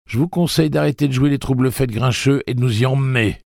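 A swaggering, foul-mouthed young tough in a spoken story, sneering out his threats in a voice pushed well above the reader's own deep tone, as a male narrator puts him on. The voice stays a little husky and sits in a dry, close room. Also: quick pace, a little mellow, no room sound. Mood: menacing.

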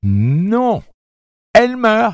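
A man with a low voice reading a novel aloud, playing a timid, fragile mother who pleads in a high voice. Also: very animated, moderate pace, vocal fry, a little mellow, no room sound, clean studio sound. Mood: pleading.

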